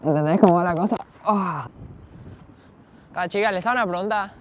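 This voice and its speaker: Cheeky Argentine prankster, higher voice. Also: male voice, normal speed, slight background noise. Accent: Argentine Spanish. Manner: brash, teasing, cheeky. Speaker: street prankster host. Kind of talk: street prank banter. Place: outdoor city park.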